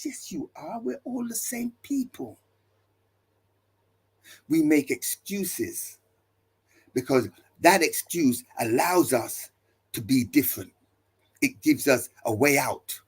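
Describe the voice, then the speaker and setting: A man's voice: fairly high pitch, very animated, slow, long pauses, breathy edge. A male pastor preaching to listeners, building his points with emphatic repeated refrains and rhetorical questions. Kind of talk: preaching talk.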